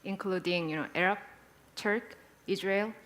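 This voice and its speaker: A woman's voice: medium pitch, moderate pace, a bit bright. A woman in her forties giving a conference panel talk, hesitant and chatty, with many fillers and asides. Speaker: panel moderator and speaker. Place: conference hall.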